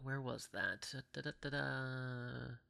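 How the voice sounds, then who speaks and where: Bright-voiced hesitant organist from Pittsburgh. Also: male voice, mid-range voice, slow, vocal fry, clear, resonant tone. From Pittsburgh, USA. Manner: hesitant, many fillers and restarts, laughs often. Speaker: organist guest. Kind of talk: casual podcast conversation.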